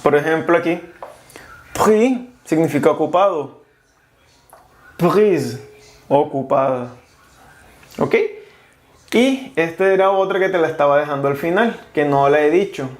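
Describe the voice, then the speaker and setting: Grammar gets explained one step at a time in this casual French video lesson, with the teacher spelling letters aloud. He speaks on the high side, and the audio has noticeable reverb.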